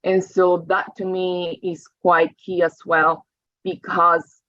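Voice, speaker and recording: A Colombian woman appears as a guest speaker, giving a reflective talk over slides and frequently checking in with "right?" and "you know." Her voice is lowish and flat, and she speaks slowly. The audio is dry with no echo and slightly dull.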